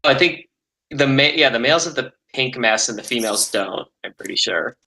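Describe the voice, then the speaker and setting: A man's voice: medium pitch, animated, fairly quick, bright, forceful tone, poor audio. A man chatting casually in a matter-of-fact way, explaining details to friends. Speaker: co-reader commenting. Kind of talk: casual chat.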